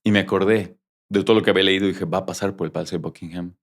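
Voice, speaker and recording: A man's voice: deep voice, racing. A man, a journalist guest in a casual interview, telling a story with animation and acting out the dialogue. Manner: animated, acts out quoted dialogue.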